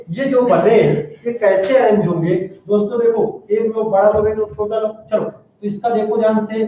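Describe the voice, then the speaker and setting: A male chemistry teacher lectures with animated energy, firing questions at his class. His voice sits high and mellow. It is recorded from far off in a very echoey classroom, with a dull, muffled sound and faint background noise. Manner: animated, calls out questions to students. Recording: very echoey room, distant dull mic.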